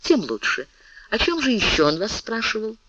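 A man voicing a scheming male bishop who speaks softly but commandingly. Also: sits high, big pitch swings, moderate pace, no room sound, lo-fi sound, voice pushed up, heavily acted. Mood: urgent. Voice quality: soft, hushed, urging.

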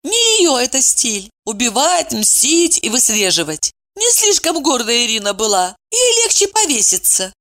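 A woman voicing an excitable, tearful woman friend with a shrill, high, sobbing voice. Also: normal speed, hardly any pauses.

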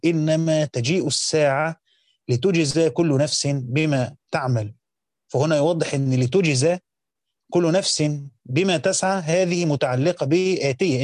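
A man with an Egyptian accent and a slightly high voice reads an old commentary on the scripture and pauses to explain it. He moves from measured formal recitation into relaxed colloquial remarks. The sound is dry and close, with no room behind him. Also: no room sound. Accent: Egyptian Arabic. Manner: switches between careful classical reading and casual colloquial asides. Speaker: teacher reading and explaining a Quran commentary. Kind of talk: reading a classical text aloud with spoken commentary.

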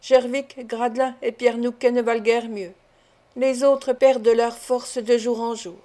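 A woman's voice: on the high side, little pitch movement, measured pace, warm tone, close to an everyday voice. A woman reading the lines of a scheming, ironic ship's mate in an audiobook. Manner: cold, mocking replies.

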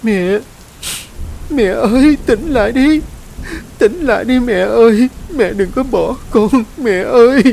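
A man's voice: very high-pitched, takes it slowly, creaky, darkish tone, a little hiss or hum, pitched above the performer's own voice, full character voice. A man voicing a small frightened child pleading tearfully with its mother in a ghost story reading.

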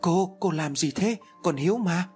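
A man's voice: on the high side, animated, a little fast, slightly rough, faint music behind, voice pushed up. A man doing a desperate, tearful young girl. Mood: pleading. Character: frightened, grieving teenage girl.

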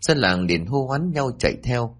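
A man narrating a scripted horror story, raising his voice to act out the characters' shouted lines. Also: mid-range voice, sing-song, normal speed.

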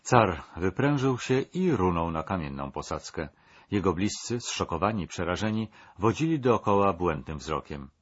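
A man narrating a scripted documentary in a measured, dramatic storytelling manner. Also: low-pitched, very animated, slightly rough, lo-fi sound.

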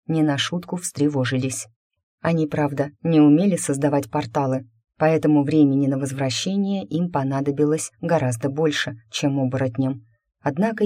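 This is a steady audiobook reading of a fantasy novel, with the characters' lines only lightly voiced. The tone is dark and mellow. It sits close on a dry mic with no room around it. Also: medium pitch, dry recording. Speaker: audiobook reader. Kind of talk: scripted fantasy narration.

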